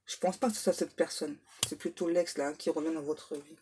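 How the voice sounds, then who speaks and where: A woman giving a spoken card reading as a medium, repeating herself with many fillers and clearing her throat often. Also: deep voice, fairly even intonation, brisk, background noise. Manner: repetitive, filler-heavy, insistent. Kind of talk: spoken tarot guidance to viewers.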